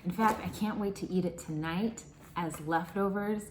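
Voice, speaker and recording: A woman's voice: mid-range voice, normal speed, echoey room, heavy background noise. A woman chatting casually and self-deprecatingly as she cooks and tastes food in her home kitchen. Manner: self-deprecating, chatty, talks while eating. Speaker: vlogger cooking at home. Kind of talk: casual cook-with-me vlog.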